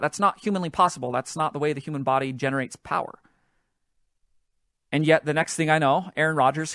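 A man hosts his own podcast, retelling a game with animated, excitable storytelling. His voice sits a little high for a man. The sound is dry and close, with no room around it. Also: dry recording. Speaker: podcast host. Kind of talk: solo podcast storytelling about sports.

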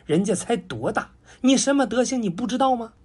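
A man voicing a hot-tempered male monkey king who talks fast and scolds. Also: very high voice, expressive, a little mellow, slightly rough, voice pushed up, exaggerated voice. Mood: scolding. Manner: quick, scolding, indignant. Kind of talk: comic storytelling.

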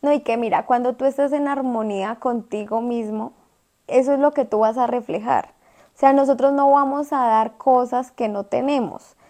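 Reflective woman with a warm, higher voice. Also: steady tone, normal speed. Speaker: podcast co-host. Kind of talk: casual chat.

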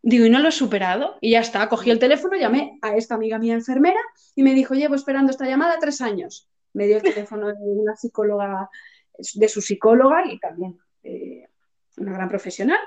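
A woman with a Spain Spanish accent in casual chat, telling a personal story with lively acted-out quotes and frequent swearing. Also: fairly high pitch, quick pace. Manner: lively storytelling, acting out her own quoted lines, swears freely. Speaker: podcast co-host. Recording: dull lo-fi sound.

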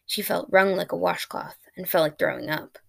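A woman reading her own short story aloud at a steady pace on her podcast. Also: fairly low pitch, moderate pace, gravelly. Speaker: podcast host and author. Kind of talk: storytelling narration.

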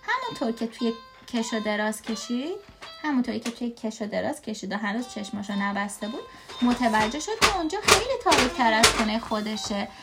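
A woman from Iran in her thirties reading a children's storybook aloud to her child, with expressive asides, music playing behind. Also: fairly high pitch. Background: clear music.

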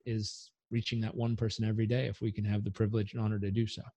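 A man being interviewed on a podcast as a coach, talking in an energetic, motivational way. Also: on the low side, quick pace, dry recording. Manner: energetic, motivational, leads breathing exercise aloud. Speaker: guest, coach.

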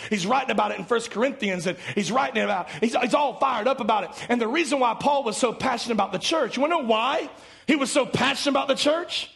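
Fervent gravelly-voiced preacher man. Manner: fervent preaching, rising to shouts and dropping low. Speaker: pastor. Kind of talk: sermon.

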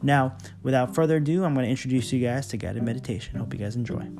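A man's voice: mid-range voice, fast talker, music in the background. A man hosting a podcast, chatting informally and directly to his listeners. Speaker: podcast host. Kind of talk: casual podcast chat to listeners.

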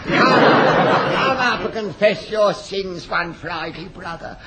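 An actor playing a gloomy, sanctimonious doomsday preacher and peeping Tom in old radio comedy, sermonizing in biblical phrases. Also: male voice, high-pitched, a loud crowd. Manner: sermonizing, biblical, slow and drawn out. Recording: noisy old AM radio, laughing studio audience.

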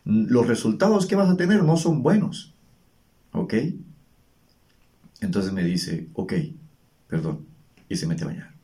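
Earnest man, low mellow voice. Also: animated, measured pace, pauses often. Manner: earnest, teacherly, rhetorical questions. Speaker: father giving emotional advice. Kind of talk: reflective monologue.

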